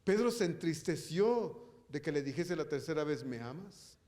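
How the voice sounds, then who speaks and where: A man's voice: fairly high pitch, animated, moderate pace, warm tone. A man preaching a sermon as pastor in a church, asking the congregation rhetorical questions and calling them brother. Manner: rhetorical questions with frequent tag questions; addresses listeners directly as brother.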